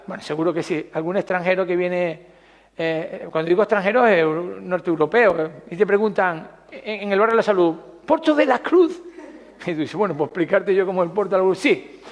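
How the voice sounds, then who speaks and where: A man's voice: high voice, in a large hall. A man preaching a sermon, conversational and putting questions to the congregation.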